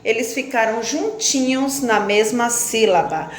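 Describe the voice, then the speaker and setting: A woman teacher giving a phonics lesson, slowly spelling out and splitting words into syllables while asking questions and answering them herself. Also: a little high. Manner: slow, stretches out syllables when splitting words. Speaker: primary school teacher. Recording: echoey room with faint background noise.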